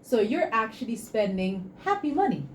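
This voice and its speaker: A woman's voice: on the high side, big pitch swings, normal speed, slight background noise. A woman from Aruba and Saint Martin with a Caribbean accent, speaking as an interview guest in an emphatic, motivational, promotional way. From Caribbean, born on Aruba, raised mostly on Saint Martin. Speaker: guest, entrepreneur presenting an invention. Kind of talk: interview talk with a promotional pitch.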